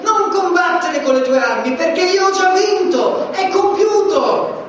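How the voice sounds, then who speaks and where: A man's voice: very high-pitched, animated, unhurried, a bit bright, a little hiss or hum, pitched above the performer's own voice, exaggerated voice. A man preaching gives voice to Jesus in a sung-out, soaring, reassuring way. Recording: echoey hall, distant, dull.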